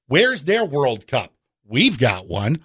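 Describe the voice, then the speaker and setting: Addressing the listener directly with rhetorical questions, this male radio host runs a jokey monologue in a very animated, swooping style. He has a mid-range voice with a breathy edge and speaks slowly, in close, dry sound.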